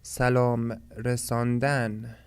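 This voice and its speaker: A man teaching a language lesson from a textbook, reading foreign words slowly and explaining them step by step. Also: mid-range voice, level tone, clean tone, no room sound. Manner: explains step by step, reads Swedish words slowly then translates.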